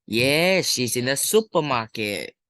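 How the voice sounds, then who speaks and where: Speaking slowly in an expressive, slightly bright mid-range voice, this primary school English teacher talks informally through exercises with a Malaysian or Singaporean English accent. She thinks aloud using colloquial particles, and the clean studio recording is dry.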